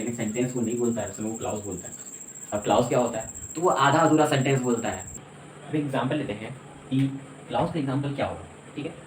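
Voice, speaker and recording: A man's voice: mid-range voice, a little hiss or hum. A man teaching an English lesson in a lecture style, explaining step by step and often checking that his students follow. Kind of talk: classroom lecture. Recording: echoey room.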